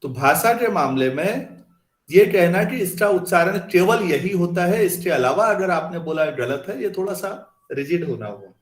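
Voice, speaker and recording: A male teacher lectures his class in an easy, conversational way and keeps asking whether the students follow. His voice sits a little high. The classroom gives it a noticeable echo. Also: lively intonation, normal speed. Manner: conversational, asks students questions. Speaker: math teacher.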